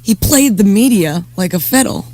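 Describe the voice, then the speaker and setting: A woman presents a casual radio interview as host. Her voice is mellow and relaxed, sitting at an average pitch for a woman. She talks conversationally, like a journalist chatting with guests. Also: normal speed.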